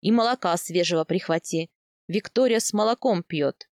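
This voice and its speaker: Low, stern older khan, clipped orders, dry audiobook read; a woman plays him. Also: normal speed, a little mellow, no echo, lightly acted. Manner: commanding, gruff. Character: stern older male khan, authoritative father. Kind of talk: audiobook character voice.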